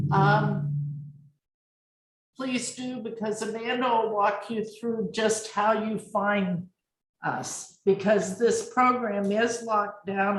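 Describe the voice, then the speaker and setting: Woman hosting a webinar in an echoey room. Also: a little high. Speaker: association host.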